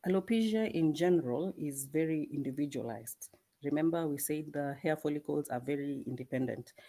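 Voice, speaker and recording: A woman dermatologist answering panel questions over a video call, measured and full of hesitant ums. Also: low voice. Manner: measured, many hesitant ums, soft-spoken. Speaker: dermatologist guest.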